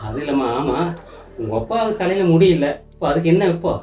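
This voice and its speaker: A man's voice: fairly high pitch, lively intonation, fast, dark tone, echoey room, recorded from a distance, soft background music. A man acting out a husband in a comedy sketch, coaxing and teasing his tearful wife. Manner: sweet-talking, coaxing, teasing. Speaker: comic actor playing a husband.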